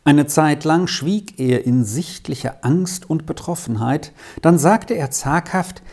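A narrator reading a classic children's story aloud in a calm, even storytelling manner. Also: medium pitch, takes it slowly.

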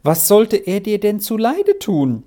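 A reader voicing a calm mother in a storybook, with a soothing, patient way of speaking. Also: mid-range voice, unhurried, voice pushed up. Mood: gentle.

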